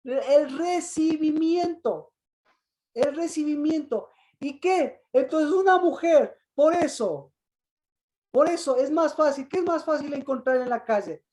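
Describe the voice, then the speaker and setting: A woman preaching a sermon in a high voice, throwing the same question back at her congregation again and again. She slips into the voices of the people she quotes, raising her tone to act them out. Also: animated, a little slow, a little mellow, poor audio. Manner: asks the congregation repeated questions; acts out quoted voices with rising emphasis. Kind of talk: interactive sermon.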